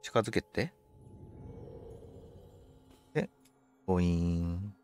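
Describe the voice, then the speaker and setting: A man's voice: low-pitched, lively intonation, slow pace, darkish tone, soft background music. A man commentating on a game for a livestream, politely musing aloud to himself in casual chat. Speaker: game streamer.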